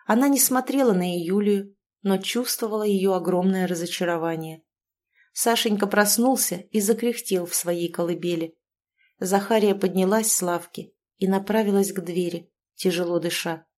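A woman narrating a fairy tale in a calm, even storytelling manner. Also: medium pitch, moderate pace.

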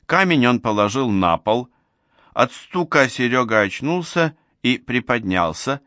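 A man's voice: mid-range voice, lively intonation, measured pace, bright, forceful tone, no room sound, clean studio sound. A man narrating a science fiction story as an audiobook, reading expressively.

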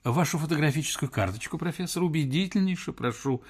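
A man's voice: on the high side, expressive, fast talker, husky, voice pushed up. A man voicing a pushy, eager young male newspaper reporter in a spoken storybook, insistent and unabashed.

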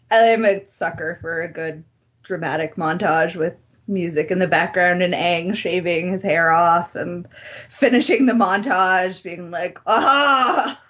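Woman, lowish voice, dry quips, casual podcast, muffled sound. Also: fairly bright tone, slightly rough. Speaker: podcast co-host. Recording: dull lo-fi podcast audio.

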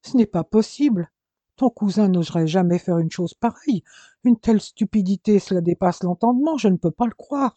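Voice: mid-range voice, animated, normal speed, mellow, no room sound, voice pushed up, lightly acted. A reader voicing a frantic adult mother who exclaims in rising disbelief. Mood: horrified. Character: frantic mother, adult woman, easily alarmed.

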